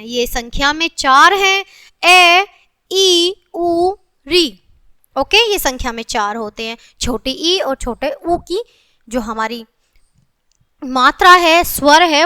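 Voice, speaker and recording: A woman teaching a grammar lesson to children, explaining step by step, slowly stretching each sound she names and often saying "okay". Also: sits high, sharp tone, no echo, studio quality.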